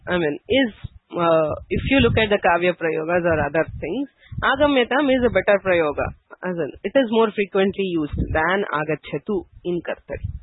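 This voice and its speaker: A man with a high, husky voice leads an online grammar lesson, explaining patiently and pausing on "okay" and "so". The sound is thin and phone-like, and dry with no room around it. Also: no room sound. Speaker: Sanskrit grammar teacher. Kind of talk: online class lecture answering questions.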